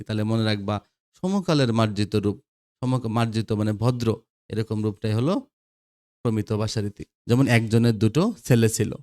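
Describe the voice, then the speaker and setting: Bangladeshi male teacher, mid-pitched, drills students with questions, dry close mic. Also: a little mellow, no echo. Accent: Bangladeshi Bengali. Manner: quizzing students, repeating answers. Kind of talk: lecture for school students.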